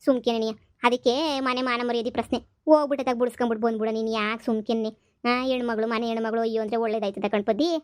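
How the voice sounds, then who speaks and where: A woman's voice: fairly high pitch, level tone, quick pace, dry recording, studio quality, natural voice. A woman voicing a scheming elderly village mother-in-law who pleads and guilt-trips. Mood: pleading. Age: older. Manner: rustic village dialect, whining guilt-tripping.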